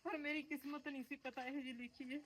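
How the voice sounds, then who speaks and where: A woman's voice: high-pitched, fairly even intonation, fast talker, a little hiss or hum, close to an everyday voice, rough recording. A woman playing a grieving wronged aunt. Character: grieving married woman, sister-in-law, wronged and weary. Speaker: aunt (bhua) returned from abusive in-laws.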